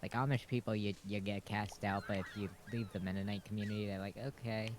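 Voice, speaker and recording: A man in relaxed casual chat, explaining things with lots of filler words. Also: fairly low pitch, fast. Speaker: friend in chat.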